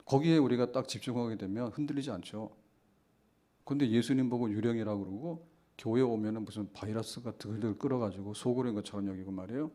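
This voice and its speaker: A man's voice: lowish voice, fast talker, dark tone. A middle-aged male pastor giving an emphatic early-morning sermon, calling for amens and acting out quoted prayers. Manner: emphatic preaching, calls for amen, acts out quoted prayers.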